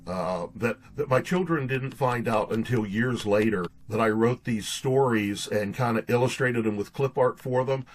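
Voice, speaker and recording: A pastor in his late sixties, appearing as a guest, chats and tells stories in a casual interview, often repeating words. His mid-range voice keeps a moderate pace with few pauses.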